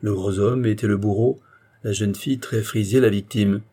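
Low, husky male storyteller. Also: steady tone, moderate pace, warm tone. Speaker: narrator. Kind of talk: storybook reading.

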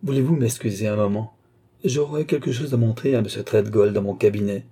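A man voicing an excitable, blustering middle-aged collector who gets flustered, in a read-aloud story. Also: a little fast, breathy edge. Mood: urgent. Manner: loud, flustered and rumbling.

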